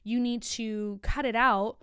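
Chatty woman with smooth clear voice. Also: a little high, steady tone, a little slow, sharp tone, dry recording, studio quality. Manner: chatty, many fillers and restarts. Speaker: guest speaker. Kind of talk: casual talk.

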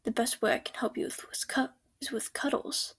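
A woman voicing a doting, protective girlfriend who comforts her sad partner in a soft whisper, in an ASMR roleplay. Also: fairly high pitch, fairly even intonation, a little fast, creaky, husky. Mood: affectionate.

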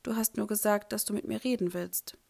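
A woman voicing an anxious teenage boy at a wizard school, unsure and quietly tense. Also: mid-range voice, steady tone, a little fast, gravelly. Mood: uneasy.

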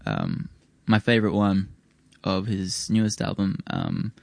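Casual young male guest, broad Kiwi accent, lowish voice, close dry sound, rambling and slangy. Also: wildly swooping pitch, unhurried, creaky, no room sound. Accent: broad New Zealand. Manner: laid-back, slangy, rambling. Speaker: musician guest on a music show. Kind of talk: casual chat.

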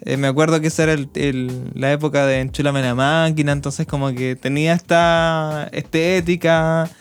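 A Chilean man in his mid-twenties tells wry anecdotes as a podcast co-host, his voice pitched somewhat high for a man. He fills his stories with hesitant fillers and restarts. Faint music plays in the background. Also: fairly even intonation, normal speed, smooth. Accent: Chilean Spanish. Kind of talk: casual chat.

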